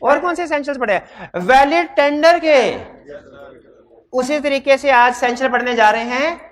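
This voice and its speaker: A man teaching law in a hybrid classroom. He has a sore throat, speaks loudly into a microphone, and keeps putting questions to his students. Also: extremely high pitch, moderate pace. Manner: quizzes students with repeated questions. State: throat trouble, talking loudly. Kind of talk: classroom lecture.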